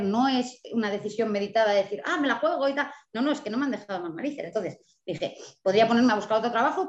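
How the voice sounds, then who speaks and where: Fast-talking, lively Spanish woman novelist. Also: on the high side, echoey room, muffled recording. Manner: animated storyteller, acts out quoted dialogue, laughs often. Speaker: guest novelist. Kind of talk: casual interview chat.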